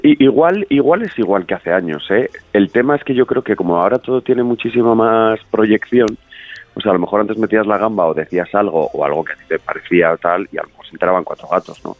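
A man's voice: on the low side, fast talker, dry recording. A man guest on a radio interview, chatting at length and rambling with many fillers. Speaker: actor guest. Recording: tinny phone-like line, dry.

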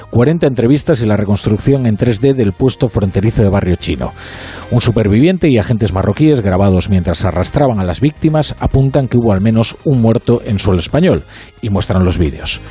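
A radio host from Spain delivering a measured, ironic opinion monologue in a studio, with faint music underneath. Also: male voice, mid-range voice, mellow, breathy edge.

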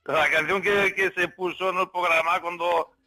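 A man from with a gravelly voice, answering hesitantly and singing haltingly on a comedy radio show. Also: sits high, fairly even intonation, pushed and bright. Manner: hesitant, repeats himself, sings haltingly.

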